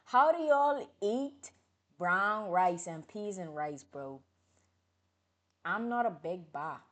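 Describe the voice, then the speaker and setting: Slowly and casually, a woman from the Bahamas talks with viewers during a livestream. She's animated and doesn't hold back, flipping from loud outbursts to muttering under her breath.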